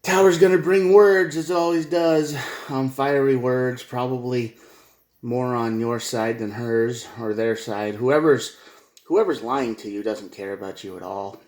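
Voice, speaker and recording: A man at an ordinary middle pitch gives a casual tarot reading. He rambles, repeats himself and tosses in slangy asides. His voice echoes around a bare, reflective room. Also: a little slow, darkish tone. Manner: rambling, repetitive, slangy, says "man" and "bro". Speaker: tarot reader.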